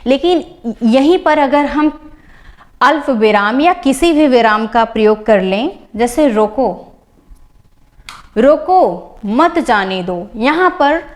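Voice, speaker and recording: Slightly high-voiced woman teaching grammar. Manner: explains by repeating and rephrasing, slows to stress examples; lists items one by one in a measured classroom tone. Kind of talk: spoken grammar lesson over slides.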